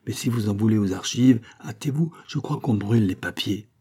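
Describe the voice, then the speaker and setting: An anxious jailer begging for protection, played by a man in a pleading tone. The voice is dark and husky in an audiobook reading. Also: on the low side, a little fast. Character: timid, anxious male prison jailer.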